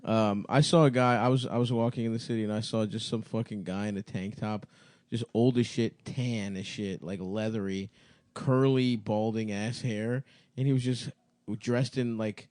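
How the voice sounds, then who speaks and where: Crude man, mocking comedy podcast co-host, middle pitch, dry close mic. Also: fairly even intonation, moderate pace, a little mellow, no room sound. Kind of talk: casual comedic chat.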